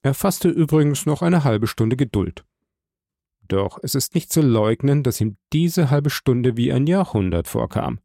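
A male narrator reading an audiobook in measured, even sentences. His voice is gravelly and mellow, and the recording is close and dry. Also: medium pitch, no echo.

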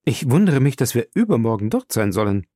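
A curious professor full of wonder, read by a man for an audiobook. His voice is dark and mellow, and the recording is dry and close with no room sound. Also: medium pitch, sing-song, brisk, no room sound. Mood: astonished. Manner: wondering and questioning. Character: astonished male scholar, a curious professor. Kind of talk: audiobook role reading.

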